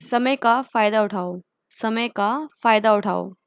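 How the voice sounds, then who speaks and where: Slow, deliberate woman teaching phrases. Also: a little high, clean tone, no room sound, clean studio sound. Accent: Indian. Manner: says each phrase twice, very slowly, then explains quickly. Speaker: English teacher. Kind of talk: spoken English lesson.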